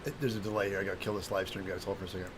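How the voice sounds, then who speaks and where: A slightly hungover man with a phlegmy throat, hosting a casual craft livestream in a halting, distracted, apologetic way while he works and chats to viewers. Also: low-pitched, level tone, background noise. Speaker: livestream host, craft demonstrator.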